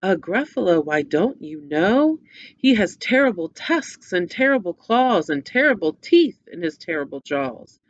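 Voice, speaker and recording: A woman's voice: lowish voice, sing-song, a little slow, no room sound, dull audio. A woman voicing a small, clever, boastful mouse in a sing-song storybook read-aloud. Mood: polite.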